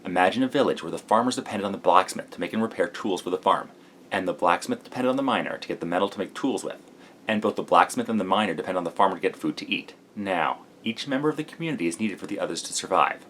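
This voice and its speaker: A man's voice: low voice, lively intonation, fast, a bit bright, a little hiss or hum. A sleep-deprived man, a vlogger, delivering a scripted explanatory monologue.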